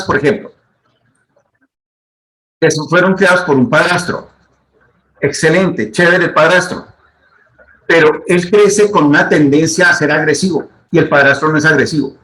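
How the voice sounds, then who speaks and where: A man's voice: fairly high pitch, fairly bright tone, poor audio. A middle-aged man, a psychologist, giving advice to the camera in a teaching manner and repeating his key points. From Colombia.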